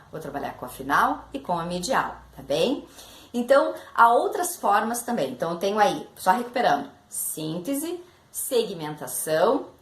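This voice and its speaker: A woman with a Brazilian Portuguese accent, a literacy education professor, explaining step by step with concrete examples and talking directly to her listeners. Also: a little high. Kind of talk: explanatory teaching talk. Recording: echoey room with faint background noise.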